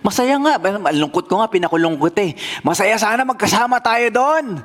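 A man voicing an emotional king who swings from fear to joy, talking in excitable outbursts. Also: sits high, moderate pace, pitched above the performer's own voice. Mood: overjoyed. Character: frightened then overjoyed male king, emotional.

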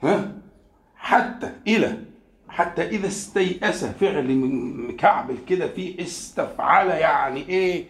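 High-voiced Egyptian teacher, echoey room. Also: male voice, a bit bright. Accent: Egyptian Arabic. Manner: quizzes the class, slows down to stress key words. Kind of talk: classroom lecture on scripture.

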